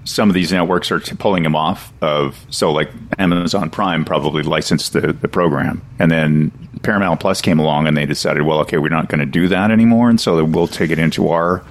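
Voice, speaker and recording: A man with a deep, low voice who talks through his points carefully. He pauses and restarts as he explains in casual conversation. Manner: measured, hesitant explaining. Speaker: news presenter on the show. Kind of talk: casual radio chat.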